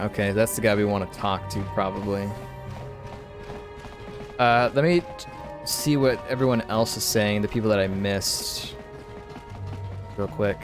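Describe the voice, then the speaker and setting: A man giving casual commentary as he plays through a video game. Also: on the low side. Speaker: gamer commentating a playthrough. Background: game music.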